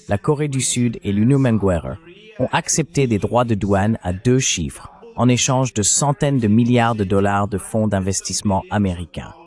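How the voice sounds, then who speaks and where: His voice sits on the low side with a darkish tone. He narrates scripted analysis of politics and economics in a formal, instructive way.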